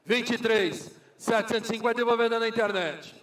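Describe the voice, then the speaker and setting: A man's voice: very high voice, fairly quick, a bit bright. A Brazilian man working as a car auctioneer, calling bids in a repetitive, formulaic chant. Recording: echoey hall, far from microphone.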